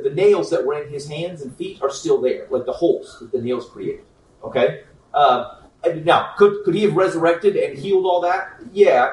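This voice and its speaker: Man, slightly high voice, relaxed joking Bible teacher, recorded off-mic in a roomy hall. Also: far from the mic, slight background noise. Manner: informal, joking, checks in with frequent "okay?". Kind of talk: conversational Bible teaching to a group. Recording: echoey room, speaker away from the mic.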